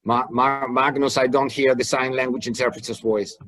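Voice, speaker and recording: A man's voice: medium pitch, little pitch movement, moderate pace, fairly bright tone, no room sound. A man speaking politely and formally as an interpreter in an online webinar.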